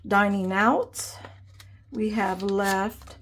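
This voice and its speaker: Speaking very slowly in a mid-range, somewhat bright voice, a young budgeting vlogger chats casually and counts her cash aloud. A cold makes her sound nasal, and she warmly calls her viewers "guys."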